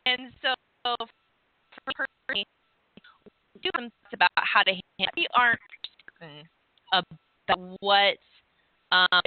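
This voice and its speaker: A former hypnotist who now hosts a podcast leads a casual interview, rambling and groping for words with frequent restarts. Her voice sits on the low side, with no echo but narrow, tinny audio.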